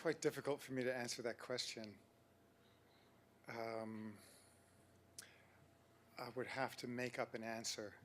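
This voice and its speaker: A man giving a lecture and then answering audience questions, speaking in a measured, reflective way with some hesitation. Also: medium pitch, fairly even intonation, a little hiss or hum.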